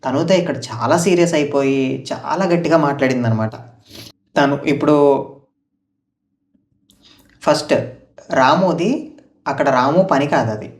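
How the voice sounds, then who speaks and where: A man's voice: on the high side, unhurried, pauses often. A man giving a casual recap of a reality show's episode, retelling the contestants' lines in quotes and adding his own opinions. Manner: chatty, retells house dialogue in quotes, opinionated asides. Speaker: show reviewer. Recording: roomy echo, voice far from mic.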